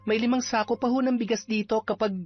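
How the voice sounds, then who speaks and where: A woman's voice: a little high, fairly even intonation, fast talker, lightly acted. A woman playing an earnest, devoted young village daughter who speaks politely and respectfully, in a horror radio drama. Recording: slightly dull recording with music underneath.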